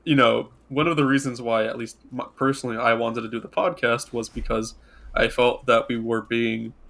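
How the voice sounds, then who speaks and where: A young man chatting on a podcast, his voice gravelly and full of vocal fry. He talks in a loose, rambling way, hedging as he goes. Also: mid-range voice, little pitch movement, normal speed, a bit bright. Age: young adult. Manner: rambling, hedging with lots of likes. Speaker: podcast co-host. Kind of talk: casual podcast chat.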